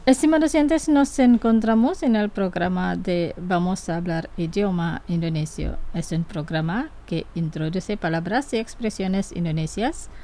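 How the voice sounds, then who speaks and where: A woman hosting a radio language lesson, speaking slowly and deliberately and saying each word twice for listeners to repeat. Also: fairly low pitch.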